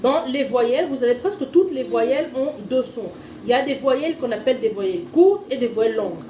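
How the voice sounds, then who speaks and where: A woman, a parent teaching her child to read at home, explaining in an informal tutorial and slowly sounding out letters and syllables. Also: fairly high pitch, animated, dark tone, a little hiss or hum. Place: at home with a small child nearby. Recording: echoey room, mic far off, faint ambience.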